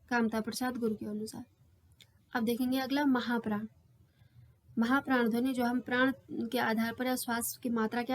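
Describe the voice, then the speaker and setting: A woman teaching a grammar lesson for exam preparation, explaining patiently and sounding out letters one by one. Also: fairly high pitch. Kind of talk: exam-prep lecture.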